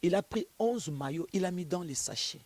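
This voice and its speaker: A woman's voice: lowish voice, lively intonation, moderate pace, a little mellow, slightly rough. A woman pastor being interviewed, preaching and telling stories with emphasis. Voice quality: emphatic, storytelling.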